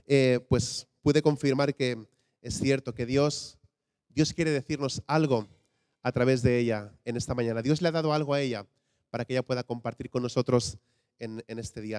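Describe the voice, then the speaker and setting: A man's voice: medium pitch, a little mellow, smooth. Man introducing a testimony in church. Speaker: pastor. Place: church hall. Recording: dry close mic with hall reverb.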